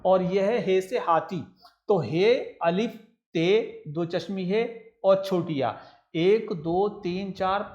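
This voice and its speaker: A man's voice: high-pitched, darkish tone. A man teaching a children's writing lesson, patiently spelling out letters one by one and repeating each step. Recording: roomy echo.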